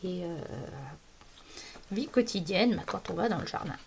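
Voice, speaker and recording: A woman's voice: fairly low pitch, normal speed, creaky, noisy background. A woman from France chatting casually about her coloured pages as a hobby vlogger, hesitant and often searching for words.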